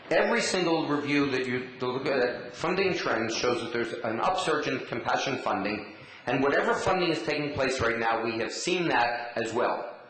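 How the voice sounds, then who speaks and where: A man on a conference panel, answering questions in a measured, explanatory way. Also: medium pitch, fairly bright tone, slight background noise. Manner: measured, explanatory, some restarts. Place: conference hall. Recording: very echoey conference hall.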